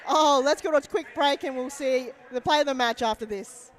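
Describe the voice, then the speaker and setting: A woman giving live sports commentary from a commentary box, excitable and quick to laugh and cheer. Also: high voice.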